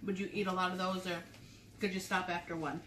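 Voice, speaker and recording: A woman's voice: fairly low pitch, level tone, brisk. Woman in a roomy, noisy home recording. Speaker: mother co-hosting a candy review with her child. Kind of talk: casual chat with a child. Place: indoors at a table in a home room.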